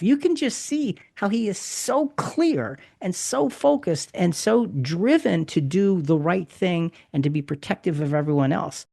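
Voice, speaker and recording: A man's voice: a little high, creaky, a little mellow, no echo, studio quality. Emphatic man leading a Bible discussion. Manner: emphatic, explanatory, repeats key points. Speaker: podcast host.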